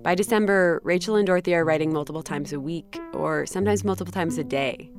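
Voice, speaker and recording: Over music, a podcast host delivers scripted narration for a story podcast, her tone conversational and reflective. She has a lowish voice and talks fast.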